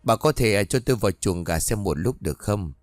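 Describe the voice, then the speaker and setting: A man voicing a calm, knowing old woman healer in a spoken ghost story. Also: on the low side, a little fast, no echo, lightly acted.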